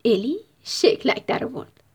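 A woman narrating a bedtime story, expressive, often dropping into a whisper. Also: on the high side, breathy edge.

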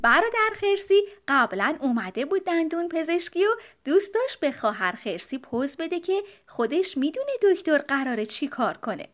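A woman narrating a children's storybook in an expressive, gently animated way. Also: sits high, few pauses. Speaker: audiobook narrator.

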